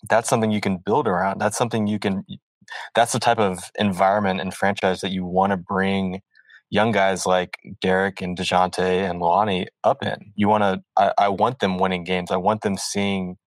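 A man co-hosting a casual sports podcast, thoughtful and measured, with many ums. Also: low voice, flat delivery, no room sound, low-quality recording. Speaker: podcast co-host.

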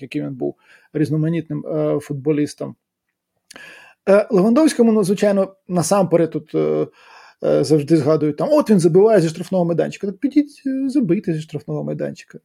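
A man's voice: a little high, vocal fry, warm tone, husky. A man co-hosting a casual football podcast, explaining points and telling stories at length. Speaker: podcast co-host.

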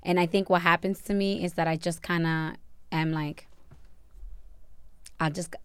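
A woman's voice: on the low side, fairly even intonation, normal speed, clear, resonant tone, dry recording. A young woman co-hosting a podcast, talking candidly and bluntly in casual chat, often laughing. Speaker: podcast co-host.

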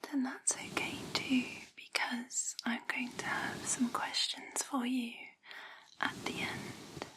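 A woman in a whispered role-play, speaking right in the listener's ear as an examiner, gently and soothingly giving instructions. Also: high voice, fairly even intonation, takes it slowly.

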